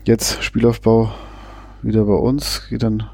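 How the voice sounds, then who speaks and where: A man with a deeply gravelly, dark voice talks through a football match in a relaxed, chatty way. He hesitates and restarts often. His voice sits husky and close in a dry room. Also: a little slow, no room sound. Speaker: fan co-commentator. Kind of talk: casual football commentary.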